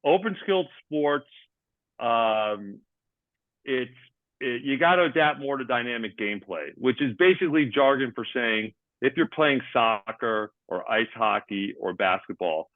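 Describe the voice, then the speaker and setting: A man's voice: mid-range voice, expressive, unhurried, no echo. Man explaining over a tinny line. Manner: explains jargon in plain terms, uses sports examples. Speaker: ADHD athlete coach. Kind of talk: explaining in conversation. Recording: tinny phone-like line, dry.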